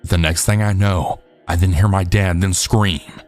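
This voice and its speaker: A man narrating true scary stories in a steady, measured storytelling voice. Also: low voice. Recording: faint background music.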